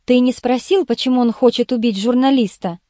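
A woman's voice: a little high, a little fast, dark tone, no echo, studio quality, lightly acted. A woman reading the lines of a blunt male journalist questioning a suspect in an audiobook. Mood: interrogating. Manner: harsh, interrogating.

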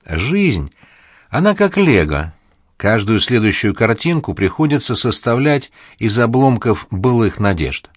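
A man's voice: mid-range voice, very animated, measured pace, slightly rough, no room sound, clean studio sound. A man voicing a gloomy middle-aged man who talks tersely and wryly. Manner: terse, wry, sighing.

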